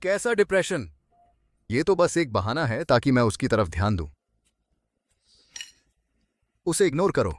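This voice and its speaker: An actor dubbing a dismissive, cheating husband, scornful and easily agitated. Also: male voice, mid-range voice, sing-song, a little fast, close to an everyday voice. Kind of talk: Hindi dub of a drama.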